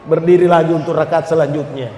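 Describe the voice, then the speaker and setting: A man with an Indonesian accent preaching a lively sermon, moving between quick storytelling and slow chanted recitation. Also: fairly high pitch, a little hiss or hum. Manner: animated, switches between fast talk and slow melodic chanting. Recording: echoey hall, long reverb.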